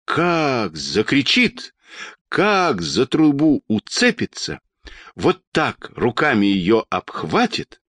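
A chattering little red-haired boy, as a man reading a storybook plays him. He tells his story with excited, drawn-out words and a voice that swoops up and down. The sound is close and dry. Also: mid-range voice, dry recording, heavily acted.

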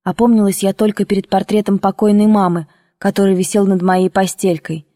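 A woman narrating a first-person audiobook in a measured, emotional storytelling manner. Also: medium pitch, flat delivery, dark tone, no echo, clean studio sound. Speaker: audiobook reader.

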